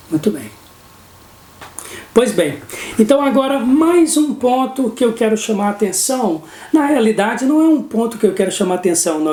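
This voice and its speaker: Brazilian male teacher, explanatory lesson delivery, warm low tone, recorded in a room with echo. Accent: Brazilian Portuguese. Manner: explanatory, keeps checking in with "não é?". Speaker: English teacher. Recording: roomy echo.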